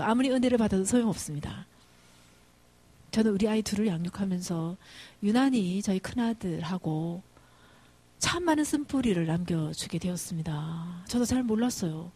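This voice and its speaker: Brief: female church speaker, husky, animated anecdotal sermon. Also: medium pitch, no echo. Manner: lively storytelling, humorous family anecdotes. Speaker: guest speaker at women's mission devotion service.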